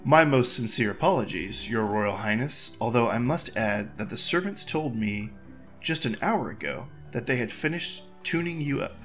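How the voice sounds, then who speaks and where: A courtly king who speaks formally and teases his daughter with dry wit, as a man reads the lines in a near-natural voice. He sounds measured and regal, a video-game monarch. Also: medium pitch, animated, a bit bright, faint music behind, lightly acted. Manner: formal, courtly, mildly teasing. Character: formal old king, dry teasing father. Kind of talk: reading game dialogue aloud.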